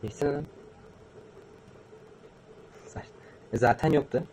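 A man's voice: fairly high pitch, a little hiss or hum, poor audio. A man in his twenties, a live streamer, chatting casually with his viewers and muttering slangy asides to himself as he types. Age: 20s. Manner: fast, slangy, mutters to himself while typing. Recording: loud music playing behind the voice. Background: loud music.

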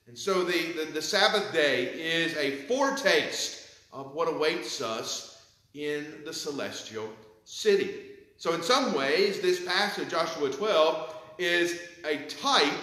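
A man in his thirties preaching a sermon from a pulpit in a church sanctuary, with measured delivery. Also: on the high side, a bit bright, very echoey, low-quality recording. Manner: measured preaching, reads scripture with rising emphasis. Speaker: pastor. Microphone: pulpit mic, far camera.

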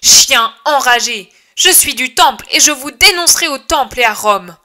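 Judas, a fearless young disciple, bellows orders and threats over a hostile crowd, as a woman reader puts him on. His voice is raised high and loud, bright and forceful, with a commanding snap. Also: lively intonation, moderate pace. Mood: shouting defiance.

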